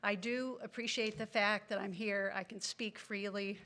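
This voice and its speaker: A woman's voice: mid-range voice, steady tone, normal speed, sharp tone. A woman giving public comment at a city council meeting, indignant and earnest, speaking into a podium microphone. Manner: indignant, earnest, apologetic asides.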